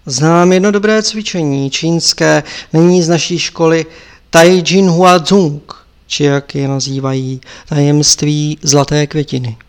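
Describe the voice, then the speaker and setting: A man reading an audiobook, voicing an old male lama abbot who admonishes his pupil in a measured, lecturing way. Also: a little high, fairly even intonation, clear, resonant tone, natural voice. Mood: instructive.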